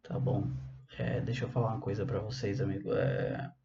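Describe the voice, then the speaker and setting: A man's voice: fairly low pitch, flat delivery, normal speed, gravelly, background noise. A man giving a casual Torah lesson, talking conversationally and often checking in with his listeners. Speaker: Torah teacher. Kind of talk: casual teaching talk. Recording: dull lo-fi recording.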